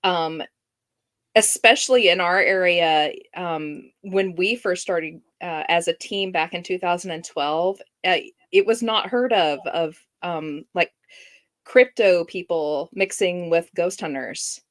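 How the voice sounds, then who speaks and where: A woman's voice: fairly low pitch, slow. A woman co-hosting a podcast in casual, chatty conversation. She laughs often and speaks over a streamed video call. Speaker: podcast co-host.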